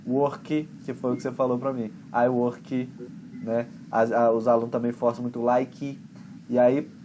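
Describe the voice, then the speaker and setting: A man with a Brazilian accent, an English teacher explaining pronunciation in a chatty, relaxed way with homely examples. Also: mid-range voice, a little hiss or hum. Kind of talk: conversation class explanation.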